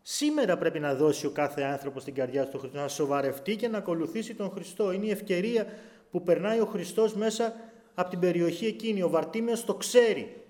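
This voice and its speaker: A male preacher with a slightly higher-than-usual voice delivers a heartfelt sermon. He swings between hushed, intimate passages and loud, urgent exhortations. He raises his voice to act out pleading cries. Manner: acts out quoted pleas in a raised voice.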